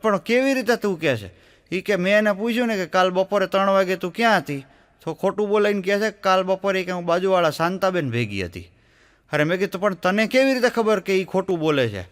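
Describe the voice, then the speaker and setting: Telling folksy joke-stories, this Gujarati-accented male comic performs the voices of the people in them. His voice is a little high with a bit of brightness.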